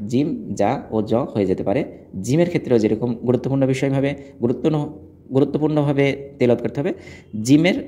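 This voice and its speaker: A man's voice: mid-range voice, dark tone. A man teaching how to pronounce letters for Quran recitation, demonstrating each sound aloud. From Bangladesh. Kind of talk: explaining letter pronunciation.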